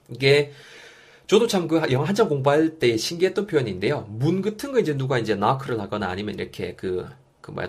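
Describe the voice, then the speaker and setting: A man teaching English phrases in an energetic spoken lesson, repeating example lines for learners to copy. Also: mid-range voice, husky.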